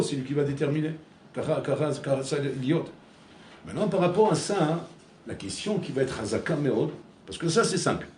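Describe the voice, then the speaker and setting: A man's voice: fairly high pitch, darkish tone. A man giving a Torah class as a rabbi, talking in a conversational way, repeating words and mixing in Hebrew terms. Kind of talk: sermon. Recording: echoey room with faint ambient noise.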